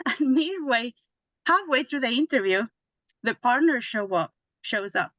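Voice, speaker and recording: A woman's voice: fairly high pitch, expressive, a little slow, fairly bright tone, no room sound, lo-fi sound. A woman, a lawyer telling her story in a casual interview, chatty with many restarts and tag questions. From Mexico. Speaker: guest lawyer.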